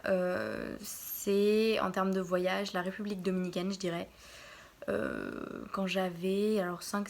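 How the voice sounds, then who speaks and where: A young woman in her early twenties from Normandy, answering Q&A questions in a casual vlog from her bedroom, pausing often to think. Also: medium pitch. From France, Normandy. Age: early 20s. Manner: hesitant, pauses often to think. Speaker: vlogger.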